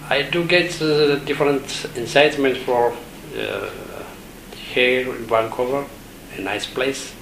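A man from Ethiopia, an education official, giving halting interview answers with many pauses and fillers. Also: mid-range voice, gravelly, a bit bright, roomy sound, slight background noise, low-quality recording.

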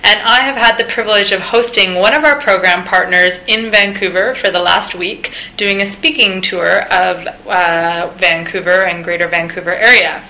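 A woman's voice: mid-range voice, steady tone, moderate pace, hardly any pauses, pushed and bright, reverberant, poor audio. A woman hosting an interview, speaking fluently and in a friendly way. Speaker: host, public engagement officer.

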